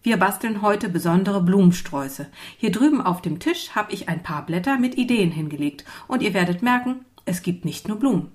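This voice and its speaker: A woman's voice: medium pitch, animated, normal speed, few pauses, lightly acted. A woman doing a kind schoolteacher. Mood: welcoming. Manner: warm, encouraging, speaking to small children. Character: friendly female schoolteacher, welcoming and patient.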